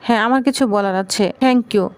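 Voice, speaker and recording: A woman voicing a gentle, confused young wife in a narrated serial recap, reading her lines softly and earnestly. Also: on the high side, normal speed, clear, resonant tone, no echo, natural voice.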